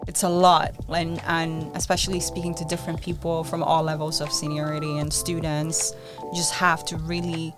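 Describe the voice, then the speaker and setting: A woman's voice: deep voice, little pitch movement, moderate pace, music in the background. A woman in her twenties, a podcast co-host, chatting casually and rambling with lots of fillers. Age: 20s. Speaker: podcast co-host, student union president. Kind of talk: casual chat.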